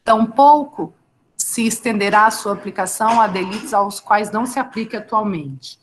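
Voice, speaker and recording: A woman's voice: mid-range voice, normal speed, slight background noise. Brazilian woman teaching a law class. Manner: conversational, asks students questions and reads their names from chat. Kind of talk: live online law class.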